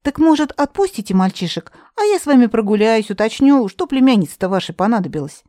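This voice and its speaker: A woman reader voicing a young heroine who speaks sweetly and flatters with exaggerated indignation. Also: on the high side, quick pace, dry recording, clean studio sound, pitched above the performer's own voice. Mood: coaxing.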